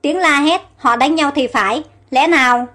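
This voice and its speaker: A frightened young girl, read by a woman narrator gasps out her fears. The voice is high and light. Faint music sits under the audio story. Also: normal speed, a bit bright. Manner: fearful, exclaiming.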